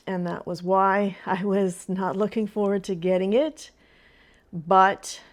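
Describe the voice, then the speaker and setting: In her casual vlog, a retired schoolteacher and grandmother with a mid-range voice offers advice straight to camera. She's talkative and earnest, with gentle laughter slipping in between ideas.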